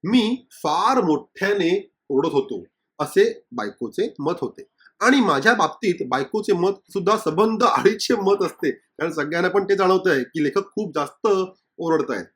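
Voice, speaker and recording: A man's voice: high-pitched, expressive, unhurried, fairly bright tone. A male teacher explaining a Marathi textbook lesson, reading passages aloud and acting out the dialogue lines.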